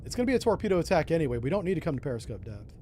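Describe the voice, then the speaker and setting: A man's voice: on the high side, sing-song, very fast, warm tone, slight background noise. A man doing casual commentary on a submarine game, thinking aloud with mild exclamations. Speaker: gamer, host.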